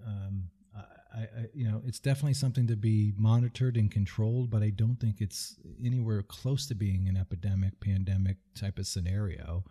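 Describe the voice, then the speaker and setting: A man co-hosting a podcast in casual comedic chat, often halting and restarting his sentences. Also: on the low side, steady tone, warm tone, slightly rough. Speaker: podcast co-host.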